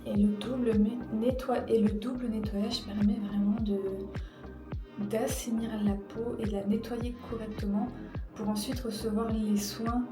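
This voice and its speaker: A woman's voice: a little high, flat delivery, measured pace. A woman in her thirties giving a casual skincare tutorial, hesitant and full of fillers as she searches for words. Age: 30s. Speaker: beauty vlogger. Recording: echoey room, mic at a distance, music behind.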